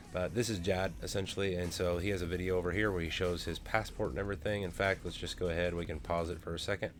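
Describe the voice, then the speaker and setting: A crypto vlogger with a low, steady voice talks fast as he casually walks through a crypto project on a screen share. His delivery rambles, packed with ums, uhs, and other fillers.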